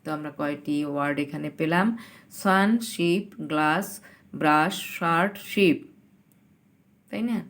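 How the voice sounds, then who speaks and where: A woman with a Bangladeshi accent teaching an English lesson to young pupils, spelling words letter by letter and reading English sentences slowly. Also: deep voice, fairly even intonation, fairly bright tone. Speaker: primary school English teacher. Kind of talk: recorded classroom lesson.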